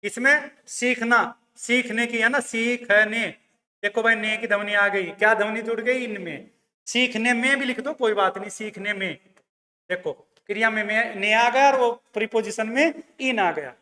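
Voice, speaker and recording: A man's voice: high voice, moderate pace, sharp tone, long reverb tail. A man teaching a grammar lesson. He explains step by step, repeats key words and calls his students "bhai" and "beta". He reads examples.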